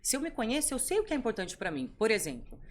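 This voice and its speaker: A middle-aged woman speaking as a podcast guest, telling stories with lively rhetorical questions. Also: on the high side, fast, a little hiss or hum. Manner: animated storytelling, rhetorical questions. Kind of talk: conversational interview.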